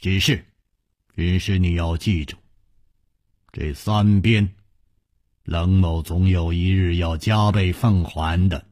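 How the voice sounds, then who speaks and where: Man playing proud cold swordsman, low menacing voice, slow, storybook broadcast. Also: animated, slightly rough, heavily acted. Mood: cold menace.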